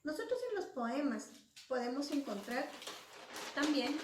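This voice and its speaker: Woman teacher, unhurried and patient, slightly high voice; distant mic, roomy echo. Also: animated, noisy background. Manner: patient, spells out syllables and letters. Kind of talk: slow classroom explanation. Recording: echoey room, voice far from mic.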